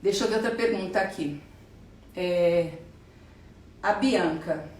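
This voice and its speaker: A woman plastic surgeon with a Brazilian Portuguese accent who answers viewers' questions in a live stream, talks fast and with enthusiasm, and explains while pointing and drawing. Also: fairly low pitch, a little mellow. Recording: roomy echo, voice a bit far from the mic.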